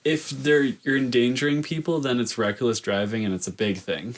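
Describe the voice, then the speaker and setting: A man's voice: mid-range voice, steady tone, normal speed. A young man, a podcast co-host in casual chat, joking and explaining things plainly.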